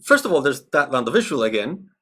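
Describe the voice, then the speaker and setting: A husky, slightly bright male voice at medium pitch, moving fast with wide swings in intonation. He's from Peru and gives conversational, analytical live-stream commentary, reacting to a video alongside chat and often checking in with "right?".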